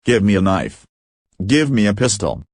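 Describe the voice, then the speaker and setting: A man's voice: on the low side, big pitch swings, moderate pace, darkish tone, no room sound, studio quality. A man reading the part of a hot-tempered, fussy older landowner father in a play. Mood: despairing.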